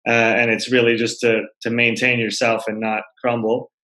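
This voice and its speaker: Host guy asking long questions, pretty flat voice, room echo. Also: mid-range voice, moderate pace. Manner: searching, repeats words while forming questions. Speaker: interview host and personal trainer. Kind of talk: conversational interviewing. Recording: roomy echo.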